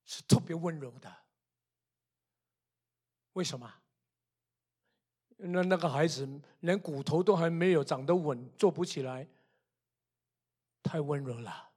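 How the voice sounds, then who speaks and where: An older man preaching a sermon, emphatic and repetitive, full of rhetorical questions and swinging between soft asides and loud outbursts. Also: fairly high pitch, a little slow, long pauses, breathy edge.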